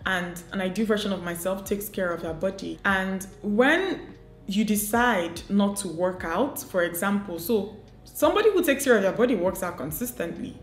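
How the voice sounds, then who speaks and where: A woman's voice: medium pitch, animated, normal speed, faint music behind. A woman giving motivational advice to camera, earnest and coaching, asking many rhetorical questions. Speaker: beauty and lifestyle vlogger. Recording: echoey room.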